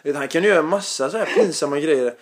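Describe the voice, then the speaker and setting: A young adult man hosting a podcast in casual chat, relaxed and joking, laughing while he talks. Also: on the high side. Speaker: podcast host.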